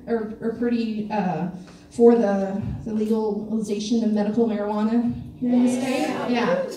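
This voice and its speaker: A woman's voice: on the high side, warm tone, slight background noise. A woman performing a stand-up comedy set, chatty and self-deprecating, often asking the crowd questions. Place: comedy club stage. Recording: echoey club from far off with crowd. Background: audience laughter.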